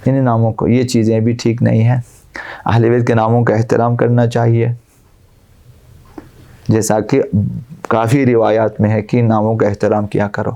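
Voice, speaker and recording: A male cleric delivering a religious lecture in a gravelly, mellow voice. He recites Arabic verses, then explains them with plain, repetitive examples. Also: medium pitch, level tone, pauses often. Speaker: Islamic cleric.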